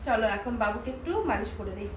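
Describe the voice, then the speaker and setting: A woman's voice: medium pitch, steady tone, fast. A young woman chatting on camera at home while she tends her newborn. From India. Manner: cooing and fond toward her baby. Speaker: family vlogger. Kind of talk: casual on-camera vlog talk. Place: indoor room at home. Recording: echoey room, far from mic, noisy.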